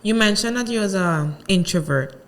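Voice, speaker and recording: Podcast host, asks easy questions, mid pitch, supportive and conversational. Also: normal speed, a bit bright. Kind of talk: casual interview questions.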